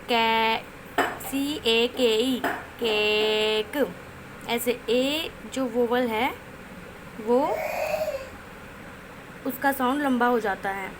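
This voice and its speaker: A woman teacher, slowly sounding out letters and short words in a phonics lesson for children. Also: on the high side. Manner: slow, sounding out letters one by one. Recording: noisy home recording.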